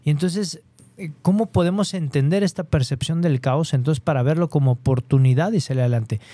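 A man's voice: a little high, a little fast, dark tone, no echo. A man with a Mexican accent hosting a conversation, agreeing often and building on his guest's points. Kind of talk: conversational interview.

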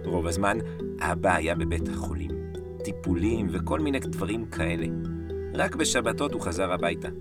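Lively low-voiced man telling a story. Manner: dramatic pauses, short broken phrases. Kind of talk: first-person story narration. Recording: dry voice set back from the mic, soft music bed. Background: soft piano music.

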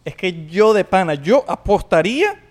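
A man's voice: high-pitched, very animated, normal speed. A man co-hosting a casual podcast, teasing and playful with his guest. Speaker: podcast co-host.

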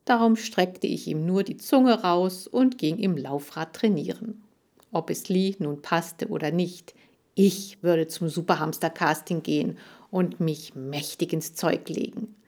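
A woman narrating a children's book aloud in the first person, lively in tone. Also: fairly low pitch, measured pace. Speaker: audiobook narrator.

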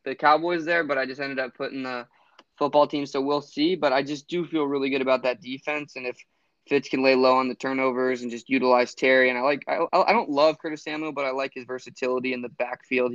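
A man's voice: mid-range voice, little pitch movement, fast, fairly bright tone, dry recording, muffled recording. A man co-hosting a sports podcast, rambling with fillers and restarts. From Florida. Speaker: podcast co-host. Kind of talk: casual sports chat.

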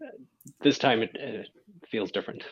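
A man's voice: fairly low pitch, moderate pace, a bit bright, husky. A man on a casual podcast panel, talking hesitantly with many ums. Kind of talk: casual group chat. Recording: dull lo-fi audio.

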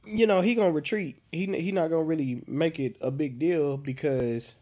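A man co-hosting a casual podcast chat. He is congested, and he tells stories in an animated, profane way. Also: on the high side, moderate pace. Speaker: podcast co-host.

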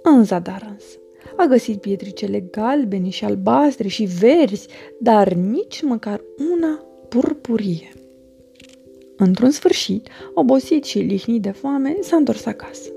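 Woman narrating a children's story, mellow gravelly voice, faint music behind. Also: on the high side, expressive.

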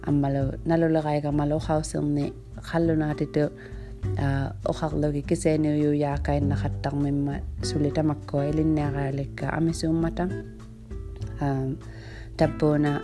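A woman with an Inuit accent from Nunavut, raised speaking Inuktitut, talks informally as a podcast host. Her voice sits low and stays fairly flat in melody. She feels her way through sentences with hesitant pauses, while guitar music plays clearly behind her. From Iqaluit, Nunavut, Canada. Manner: hesitant, halting, thinking aloud. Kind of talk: informal solo podcast introduction.

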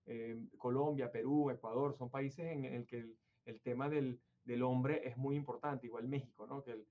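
Hosting a conversational interview, a man from Venezuela rambles on at length, hesitating, restarting, and filling gaps with fillers. He has a medium-pitched voice with fairly even intonation and normal speed, captured in dull lo-fi sound.

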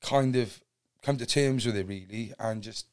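Clear and resonant, this man's fairly low voice proceeds at a moderate pace as he opens up about his life as an interview guest. He's in his thirties, from Cardiff, with a Cardiff Welsh accent, and his storytelling is earnest and meandering.

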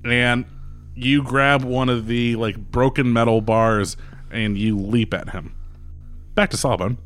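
A man's voice: mid-range voice, steady tone, measured pace. Laid-back man running a tabletop game. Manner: loose, laughing, swears freely. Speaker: game master.

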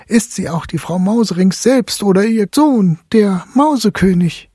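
A man doing an excited little boy. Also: high voice, unhurried, husky, no echo, clean studio sound, voice pushed up, heavily acted. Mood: eager. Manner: excited, boastful. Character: lively young boy, bold and eager.

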